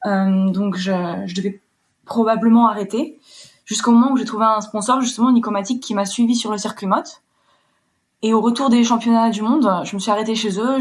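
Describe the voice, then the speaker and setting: A young woman in her twenties, originally from Poland, talks through her path in a relaxed interview. Her delivery is fluent and explanatory, with a middle-pitched voice and steady flow. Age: 20s. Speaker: sailor guest. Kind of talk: casual interview chat.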